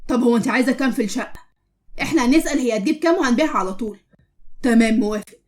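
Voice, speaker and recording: Decent young egyptian husband, calm and polite, woman voicing him, high and quick. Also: lightly acted. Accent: Egyptian Arabic.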